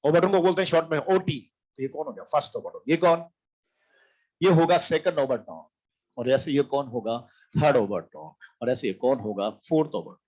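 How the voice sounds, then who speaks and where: A man's voice: medium pitch, normal speed, a little mellow. A man teaching a physics lesson, repeating key terms and answering his own questions. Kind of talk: classroom lecture.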